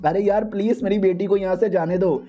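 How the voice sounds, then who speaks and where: A man voicing a cocky, bossy young male hero in a low, slow, smug drawl. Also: fairly even intonation, mellow, close to an everyday voice.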